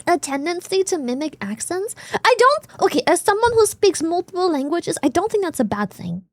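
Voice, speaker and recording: Young woman. Chatty streamer, loose and rambling. High pitch, dry mic. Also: big pitch swings, normal speed, no echo. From Germany. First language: German. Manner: rambling, chatty, lots of "like" fillers. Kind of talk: casual chat with viewers.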